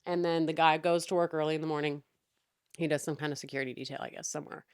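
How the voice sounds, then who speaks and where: A woman's voice: deep voice, steady tone, fast, clean tone, no echo, studio quality. A young woman hosting a casual storytime rant, chatty and exasperated, swearing freely. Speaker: podcast host.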